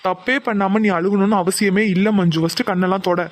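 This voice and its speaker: Protective young man, voiced by a performer for a homemade cartoon; coaxing, quick talker, everyday pitch. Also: fairly even intonation, close to an everyday voice. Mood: comforting. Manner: coaxing, reassuring. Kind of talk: amateur cartoon voice acting.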